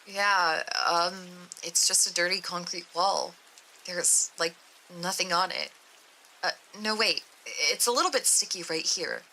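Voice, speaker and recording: A woman's voice: fairly low pitch, lively intonation, unhurried, pushed and bright, a little hiss or hum, full character voice, poor audio. A woman voicing a young female test subject, nervous and easily grossed out, talking in a raised, exclaiming voice during a creepy story reading. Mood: uneasy. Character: young woman test subject descending endless stairs, scared and disgusted.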